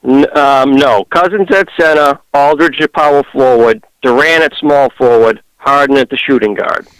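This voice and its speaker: A man with a Boston accent phones in to a show, giving short, plain answers. His voice sits at an ordinary pitch and comes through dry, with no room around it. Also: normal speed, a bit bright, clean tone, no echo, poor audio. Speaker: caller. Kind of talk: call-in chat.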